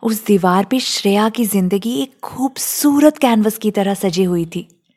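A woman narrating a story in a gentle, emotional, reflective way. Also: mid-range voice, a little slow.

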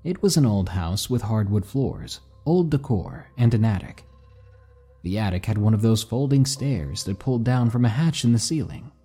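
Low, lively-pitched male narrator, hushed and dramatic, for a scary-story read. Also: moderate pace, husky, soft background music.

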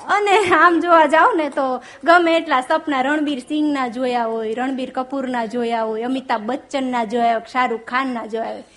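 A woman with a Gujarati accent doing stand-up, telling jokes and stories and reciting verses slowly. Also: sits high, a bit bright. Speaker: stand-up comedian.

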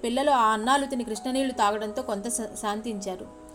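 Brief: woman podcast storyteller, fairly high voice, expressive, soft music underneath. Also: fairly quick. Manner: expressive, addresses listeners politely.

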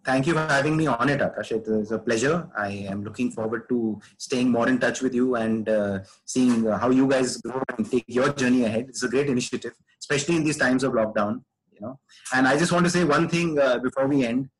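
Male podcast guest, mid-pitched voice, conversational and earnest, leaning on repeated phrases for stress. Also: a little fast, low-quality recording.

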